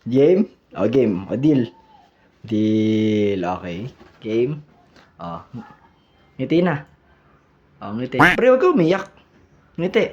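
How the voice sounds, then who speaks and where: A man's voice: mid-range voice, very animated, slow pace, pauses often, muffled recording. A man with a Filipino accent hosting a vlog, teasing and playful, laughing at his own jokes. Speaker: vlogger host. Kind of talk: casual joking vlog chat.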